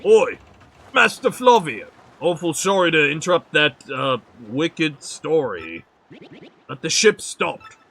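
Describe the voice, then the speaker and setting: A man voicing a gruff, blunt male sailor working on a ship. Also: fairly high pitch, big pitch swings, slow, fairly bright tone, pitched above the performer's own voice, heavily acted.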